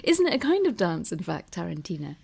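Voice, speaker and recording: A woman's voice: on the low side, sing-song, fairly quick, creaky, slightly rough. A woman hosting a live stream from home over a video call, chatting casually and laughing often. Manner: giggly, warm-toned chatter with frequent laughs. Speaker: host.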